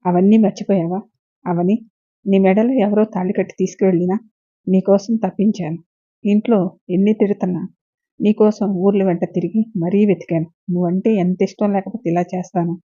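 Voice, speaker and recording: A woman's voice: mid-range voice, steady tone, a little fast, mellow, slightly rough, no room sound, lightly acted. A woman voicing a pushy, self-pitying young man who pleads insistently, in a dull lo-fi recording. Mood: pleading.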